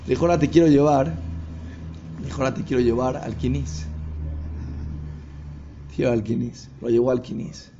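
A man's voice: medium pitch, normal speed, pauses often, lo-fi sound, noisy background. A man, a rabbi giving a sermon and acting out the voices of a story. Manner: animated storyteller acting out dialogue.

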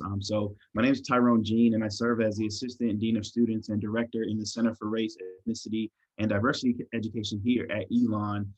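Man, low husky voice, measured podcast guest, dull lo-fi sound. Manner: measured, thoughtful, with many fillers and restarts. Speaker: guest, assistant dean of students. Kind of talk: podcast interview answers.

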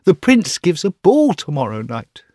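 Man doing a pining young student, high and loud, impassioned, dry room. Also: wildly swooping pitch, measured pace, no room sound, heavily acted. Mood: lovesick. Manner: impassioned, yearning, declamatory. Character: heartbroken young male student, pining and dramatic.

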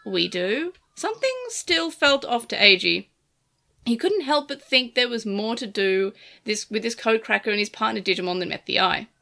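Bright-voiced woman reading a story. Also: fairly high pitch, lively intonation, moderate pace, gravelly. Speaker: narrator. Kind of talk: reading a game story aloud.

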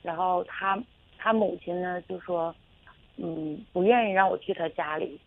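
Woman caller over a phone line, kinda gravelly voice, rambles and stumbles a lot. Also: fairly low pitch, measured pace. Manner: hesitant and rambling, many fillers and restarts. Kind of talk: call-in radio, telling a personal story. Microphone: telephone.

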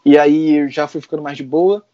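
A man's voice: on the high side, brisk, no room sound. Brazilian man telling a story, lo-fi sound. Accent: Brazilian Portuguese. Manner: animated, laughs often, mixes in colloquial slang. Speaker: interview guest. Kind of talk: casual storytelling. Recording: dull lo-fi sound.

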